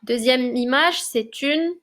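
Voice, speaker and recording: This woman primary school teacher records a classroom dictation for a remote lesson, speaking slowly, articulating carefully, and offering encouragement. Her voice is high-pitched and a little bright.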